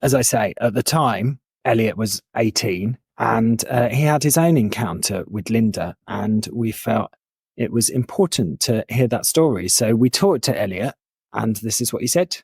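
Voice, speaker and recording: A man's voice: fairly low pitch, animated, moderate pace, a little mellow, slightly rough, dry recording, clean studio sound. A man co-hosting a podcast, narrating in a wry, chatty way. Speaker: podcast co-host.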